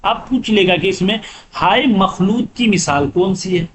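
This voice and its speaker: A man's voice: high-pitched, noisy background. A man teaching grammar for an exam, repeating terms and asking then answering his own questions. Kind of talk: exam-prep lesson.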